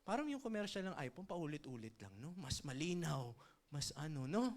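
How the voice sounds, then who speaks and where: A male trainer speaks to an audience at a seminar, telling a joke with playful energy. His voice sits high for a man and rises and falls in wide swings. He turns to the listeners often and keeps the room involved. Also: moderate pace. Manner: playful, animated, addresses audience. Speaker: motivational trainer. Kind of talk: seminar talk with a comic story. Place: training event before an audience.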